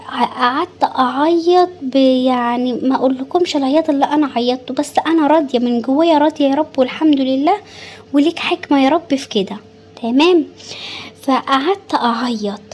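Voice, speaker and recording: A woman's voice: high voice, a little mellow. A woman with an Egyptian Arabic accent, chatting casually and confidingly to her women viewers in a home vlog voice-over. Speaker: home vlogger.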